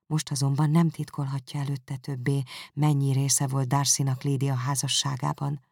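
Audiobook narrator, woman, deep husky voice, measured delivery. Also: dry recording, clean studio sound. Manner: calm, measured storytelling. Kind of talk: scripted narration.

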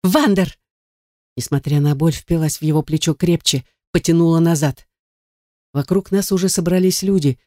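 Man reading a novel aloud, slightly high pitch, dry sound, tense dramatic delivery. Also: steady tone, normal speed, mellow, no room sound. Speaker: audiobook narrator. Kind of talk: scripted narration of a first-person novel.

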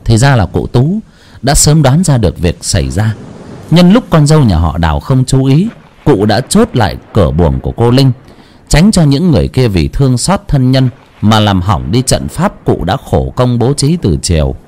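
A man narrating a horror story in a slow, brooding, expressive way. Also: mid-range voice.

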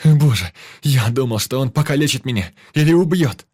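A man's voice: on the low side, measured pace, no room sound, clean studio sound, voice pushed up. A man voicing a terrified young man who pleads and shrieks hysterically, out of breath. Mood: agitated.

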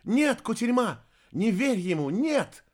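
A man voicing a brave young fairy woman shouting urgent warnings in an audiobook. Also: extremely high pitch, sing-song, slow pace, voice pushed up, exaggerated voice. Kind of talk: audiobook character voice.

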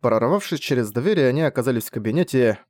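A man reads a novel aloud as the narrator, calm and steady. His delivery stays even through the prose. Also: mid-range voice, fast, dry recording, studio quality. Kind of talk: audiobook narration.

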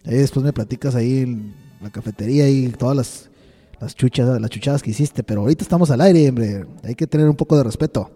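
Mellow-voiced radio host. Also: male voice, medium pitch, faint music behind. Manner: stern, scolding, quick interruptions. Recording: reverberant studio.

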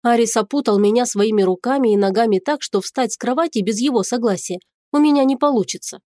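A woman's voice: on the high side, fast talker, warm tone, no echo, clean studio sound. Woman narrating a romance audiobook. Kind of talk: first-person audiobook narration.

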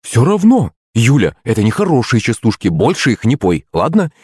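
A man voicing a strict, indignant mother who exclaims in a shrill, raised voice. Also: very animated, fairly quick, breathy edge, dry recording, studio quality. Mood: stern.

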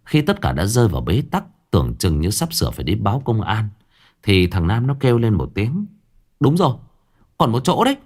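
Low-voiced guy telling a ghost story, very animated delivery. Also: brisk. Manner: dramatic, lively storytelling. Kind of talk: scripted ghost story narration.

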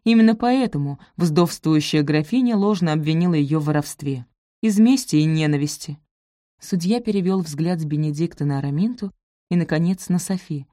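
A woman's voice: deep voice, moderate pace, dark tone, no echo, clean studio sound. A woman narrating a novel as an audiobook, reading expressively and giving each character a voice.

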